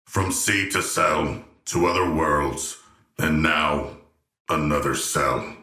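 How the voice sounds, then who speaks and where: A man's voice: rumbling low, steady tone, takes it slowly, pushed and bright, roomy sound, exaggerated voice. An actor playing a huge, earnest and naive shark-man royal in a video game, speaking in stilted, formal and solemnly literal language. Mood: curious, formal. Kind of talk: scripted game character voice lines.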